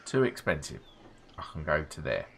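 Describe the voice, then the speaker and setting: A man's voice: rumbling low, wildly swooping pitch, moderate pace, creaky, a bit bright, slight background noise. A middle-aged man streaming a game, rambling wryly between asides and swearing casually. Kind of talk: casual gameplay commentary.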